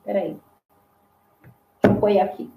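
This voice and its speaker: A woman with a Brazilian accent teaching Portuguese pronunciation, repeating words slowly and clearly for learners at a whiteboard. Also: mid-range voice, little pitch movement, echoey room, phone-quality sound, background noise. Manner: slow, drawn-out repetition of single words. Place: classroom with whiteboard.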